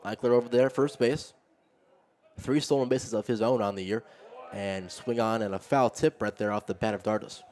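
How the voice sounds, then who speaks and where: A man giving live baseball play-by-play, narrating each pitch conversationally as it happens. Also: normal speed, darkish tone. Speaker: play-by-play commentator.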